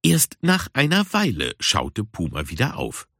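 Husky, gravelly male storybook narrator. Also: fairly low pitch, no echo, studio quality. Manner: expressive, unhurried storytelling. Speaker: audiobook narrator. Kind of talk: children's storybook reading.

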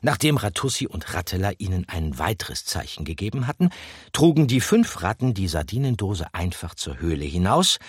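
Husky, expressive male storyteller. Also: low voice, dry recording, studio quality. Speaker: audiobook narrator. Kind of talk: scripted narration.

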